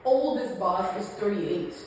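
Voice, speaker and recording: A woman's voice: mid-range voice, measured pace, heavy reverb, big-room sound, far from the mic, slight background noise. A young woman whose first language is French, co-hosting a casual podcast chat and acting out quotes as she tells stories. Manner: animated storyteller acting out quotes. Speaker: podcast co-host.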